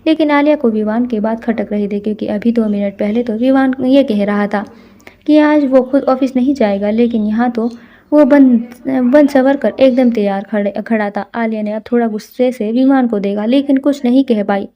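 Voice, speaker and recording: Woman reading a romance story, kinda high voice, dull lo-fi sound. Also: normal speed. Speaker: narrator. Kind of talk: reading a romance novel aloud. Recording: dull lo-fi recording.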